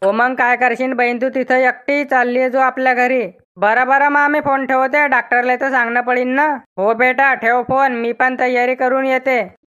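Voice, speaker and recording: Chatty, lamenting middle-aged village women from a cartoon comedy. They talk with a Vidarbha Marathi accent. The voice is smooth and clear and pitched a little high. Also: female voice, flat delivery, normal speed, fairly bright tone, lo-fi sound. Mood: gossipy.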